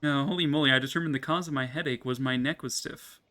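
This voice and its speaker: A man's voice: medium pitch, steady tone, fast, bright, forceful tone. A man giving casual, jokey playthrough commentary as a gaming streamer.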